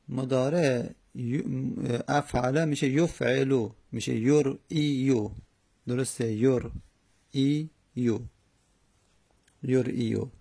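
A man teaching a grammar lesson, slowly and methodically drilling verb conjugations with hesitant fillers. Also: mid-range voice, vocal fry, a little mellow. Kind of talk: Arabic morphology lesson in Persian.

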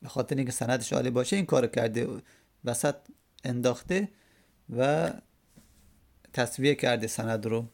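With a mid-range voice that is creaky and darkish, a male religious teacher pauses often during his lecture. It's a classroom session explaining a hadith text, where he goes over a quoted Arabic verse word by word, repeating the key terms.

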